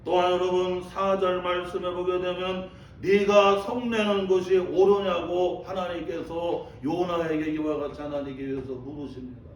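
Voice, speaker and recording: A high-voiced male pastor delivers a sermon, calling out to the congregation and repeating phrases for emphasis. He sounds echoey and a little distant, as if picked up by a microphone across a church. A faint hum of room noise sits underneath. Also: steady tone, normal speed, dull audio. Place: church sanctuary.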